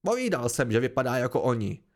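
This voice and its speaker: Man doing a smug village grumbler, triumphant, creaky voice, amateur audiobook. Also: mid-range voice, very animated.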